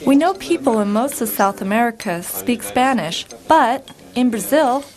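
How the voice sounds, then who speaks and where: A cheerful young woman, played by an actress in a scripted language-lesson dialogue. Her voice is fairly high and rises and falls a lot. She speaks clearly and expressively. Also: normal speed, a crowd in the background, close to an everyday voice. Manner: bright, expressive, clearly spoken. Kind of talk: scripted dialogue for English learners.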